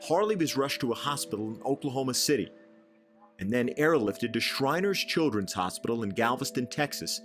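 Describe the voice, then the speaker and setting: A man giving scripted documentary narration with a measured, dramatic delivery. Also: mid-range voice, animated. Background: music.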